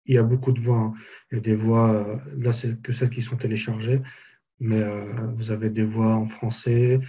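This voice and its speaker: A man giving a live software tutorial webinar, casually explaining each step as he clicks through it. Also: lowish voice, level tone, moderate pace, breathy edge, muffled recording. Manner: casual, explanatory, walks through steps on screen. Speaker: software trainer.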